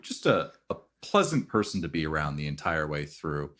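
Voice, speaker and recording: A man's voice: rumbling low, very animated, moderate pace, fairly bright tone. A man narrating a tabletop game casually as game master.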